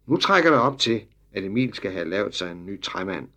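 A man's voice: on the low side, sing-song, sharp tone, heavily acted. Man voicing a grumbling farmer dad, storybook reading, dry and worried.

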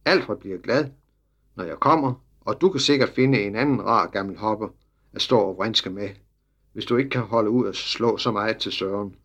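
A man's voice: lowish voice, a bit bright. A man voicing a cheeky, stubborn little farm boy in a storybook reading, with an eager, raised delivery.

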